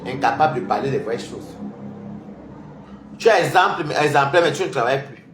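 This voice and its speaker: A man delivering a confrontational online rant, taunting and mocking his rivals, repeating himself and swinging between loud outbursts and low mutters. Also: expressive, fairly quick, background noise. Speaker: social media commentator. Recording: echoey room.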